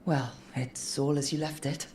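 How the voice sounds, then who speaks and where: An actress playing an easygoing hero who leads a party in a video game. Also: female voice, extremely low pitch, steady tone, measured pace, darkish tone, a little hiss or hum.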